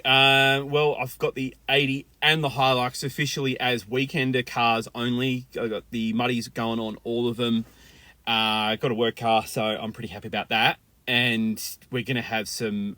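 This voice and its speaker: A man's voice: mid-range voice, little pitch movement, normal speed, pushed and bright, no echo. A man with an Australian accent hosting a casual chat, loose and jokey, swearing constantly. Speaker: host.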